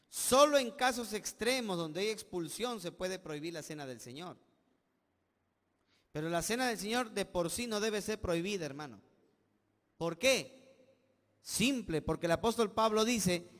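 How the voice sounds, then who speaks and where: A man with a Peruvian accent, a pastor preaching a sermon, swelling loud on key words and dropping low at the ends of phrases. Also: in a large hall. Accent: Peruvian Spanish. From Peru. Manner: preaching with call-and-response asides, swelling and dropping volume.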